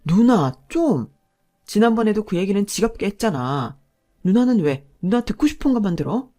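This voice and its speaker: A woman's voice: mid-range voice, big pitch swings, normal speed, warm tone, lightly acted. A woman voicing an exasperated husband who talks bluntly back to his sister. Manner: blunt, fed-up. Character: exasperated younger brother, married man, blunt.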